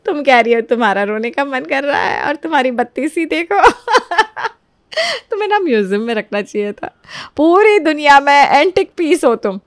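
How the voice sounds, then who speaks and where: A woman's voice: high voice, very animated, moderate pace. A woman voicing a teasing, giggly elder sister-in-law in a cartoon story.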